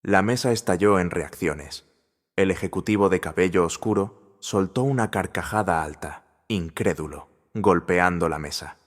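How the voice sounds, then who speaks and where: Male narrator, scripted drama story, steady, low voice, long reverb. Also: moderate pace.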